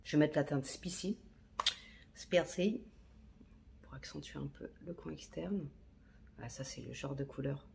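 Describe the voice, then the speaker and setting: Chatty woman with a gravelly voice. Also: sits low, moderate pace, noisy background. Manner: chatty, slangy, talks to herself. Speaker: beauty vlogger. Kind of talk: casual makeup tutorial chat. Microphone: phone camera.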